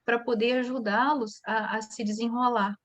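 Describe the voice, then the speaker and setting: A woman's voice: a little high, little pitch movement, normal speed. A woman from Brazil, an English teacher, answering interview questions in a chatty way, explaining with examples.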